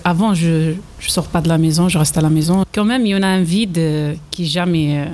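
Algerian woman speaking broken French, mellow low voice. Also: a little fast. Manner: broken, non-native French with grammar slips. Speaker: trainee interviewee. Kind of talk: personal testimony in interview.

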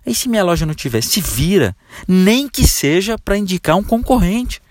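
A man's voice: sits high, lively intonation, normal speed, no room sound, clean studio sound. Blunt, scolding man. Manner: blunt, scolding, profane, keeps asking "entendeu?". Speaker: sales coach podcaster. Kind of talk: ranting podcast monologue.

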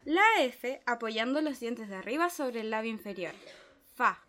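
A woman's voice: fairly high pitch, lively intonation, moderate pace, close to an everyday voice. A woman playing a patient, pedantic male philosophy tutor who explains in a methodical way, in a dramatic reading. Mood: instructive.

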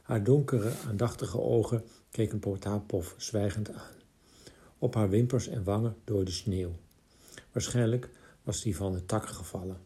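A man reading a literary short story aloud in a calm, measured narration. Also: on the low side.

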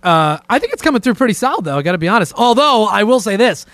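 Steering a casual, profane chat on his podcast, a male host jokes around in a very animated, high-pitched, somewhat bright voice at a quick pace. The recording is dry, made indoors on a remote conference call set up with a camera. His style is informal and he leads the conversation.

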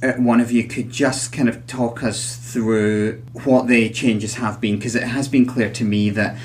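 A man's voice: medium pitch, little pitch movement, unhurried, a little hiss or hum. A man hosting a psychology podcast in conversational style, chatty, with wry asides, in a recording room with guests.

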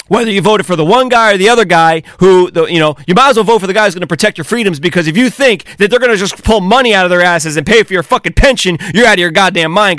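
High, animated man ranting angrily. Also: dry recording, studio quality. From United States. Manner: heated, profane, sarcastic. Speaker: commentator. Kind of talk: angry monologue rant.

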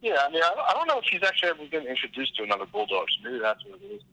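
A man's voice: mid-range voice, sing-song, very fast, sharp tone. Man on a phone with echoey empty-room sound. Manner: laid-back, rambling with many fillers. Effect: echoey sound from walking through empty, unfurnished rooms. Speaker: co-host on a phone call. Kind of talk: casual chat. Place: empty rooms of his house with bare floors. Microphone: phone call, not on speaker.

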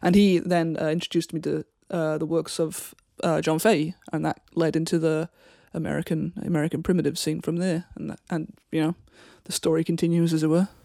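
A woman with a Welsh accent, a musician guest in a casual interview, talking in a relaxed way and patiently explaining things. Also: deep voice, fairly quick, gravelly, few pauses, no room sound, clean studio sound. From Wales.

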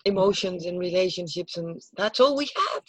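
A woman's voice: fairly low pitch, lively intonation, moderate pace, no echo, poor audio. A native Spanish-speaking woman with a Spanish accent talks earnestly and emotionally, repeating herself and searching for English words as if translating in her head. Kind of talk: heartfelt conversation.

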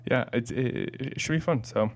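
A man's voice: medium pitch, animated, brisk, gravelly. A man hosting a parish podcast in casual chat, often hesitant with fillers and restarts. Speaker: podcast host.

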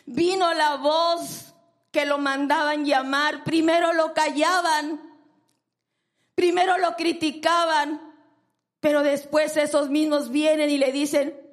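A woman's voice: high voice, little pitch movement, takes it slowly. A woman preacher delivering a sermon, emphatic and repeating phrases for stress.

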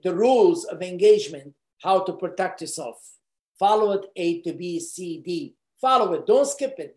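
A man's voice: high-pitched, darkish tone, roomy sound. A man from Lebanon, co-founder of a company, speaking earnestly and personally, with frequent fillers and repeated words.

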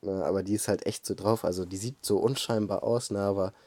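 Woman chatting, low voice, mellow tone, lots of ähm and so. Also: a little fast. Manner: relaxed storytelling with fillers and laughs. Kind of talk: casual chat.

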